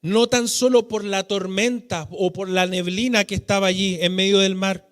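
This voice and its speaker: Chilean male preacher, strikingly high pitch, emphatic and fervent, lingers on words in a singing cadence. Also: fairly even intonation. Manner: fervent, drawn-out emphatic phrasing with sung cadences. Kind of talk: sermon. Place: church hall.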